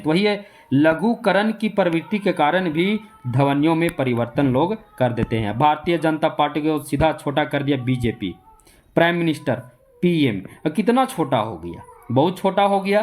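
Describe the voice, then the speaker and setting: Male coaching-class teacher with a Jharkhand accent and a slightly raised pitch. Explanatory, repetitive delivery. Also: slight background noise. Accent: Jharkhand Hindi. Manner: repetitive, asks rhetorical questions, then answers them. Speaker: Hindi exam coaching teacher.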